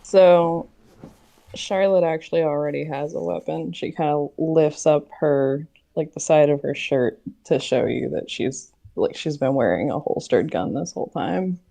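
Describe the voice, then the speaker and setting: A woman's voice: low-pitched, a little slow, creaky, warm tone. A woman playing in a tabletop game, casually describing what her character does. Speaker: player.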